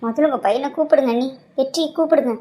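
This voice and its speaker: A fiercely protective cartoon mother, voiced by a woman, high and sharp-tongued. She accuses and demands answers, her voice forceful and unrelenting. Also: fast, slight background noise, lightly acted. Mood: angry. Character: middle-aged mother, fiercely defending her daughter.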